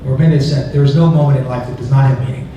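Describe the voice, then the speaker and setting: Racing along in a steady, warm mid-range voice, a man talks conversationally about his book to an audience in a museum event hall, full of restarts and chuckled asides. The lo-fi, noisy recording captures him from far off in an echoey hall.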